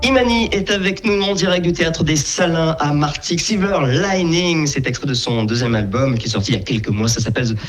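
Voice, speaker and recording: A man hosting a live radio interview, asking questions in a halting way with frequent restarts and fillers. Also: a little high, animated, over music. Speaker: radio host.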